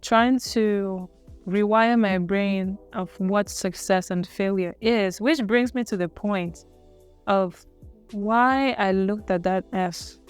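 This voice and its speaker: A woman's voice: mid-range voice, takes it slowly, clear, resonant tone, soft background music. A young woman from Cameroon telling her own college story in a casual, earnest, reflective way, often musing and correcting herself. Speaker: vlogger.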